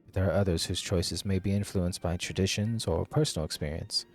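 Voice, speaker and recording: A courteous fantasy-game scholar, played by a man with a low voice. He is formal and gentle, choosing archaic words in a measured manner. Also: steady tone, creaky, soft background music. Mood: gentle, advising. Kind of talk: character voice reading game dialogue.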